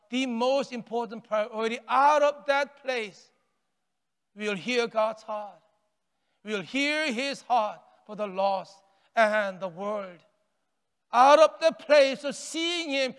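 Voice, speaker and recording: Preaching a sermon in a big sanctuary, an older pastor with a smooth, resonant, unusually high male voice rises to emphatic lines, then drops nearly to a whisper on key words. His animated delivery includes wide arm gestures, shifting intensity, and repeated or restarted phrases, with long church-hall reverb behind each phrase.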